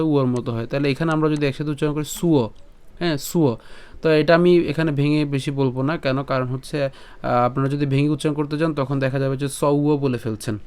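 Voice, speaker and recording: A man teaching scripture pronunciation step by step, asking and answering his own questions and reciting verses slowly. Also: medium pitch, darkish tone, smooth.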